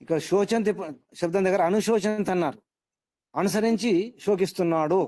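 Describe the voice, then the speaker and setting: High-voiced man teaching scripture. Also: fairly quick, a little mellow, no echo. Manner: questioning, repeats points for emphasis. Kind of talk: interactive class lecture.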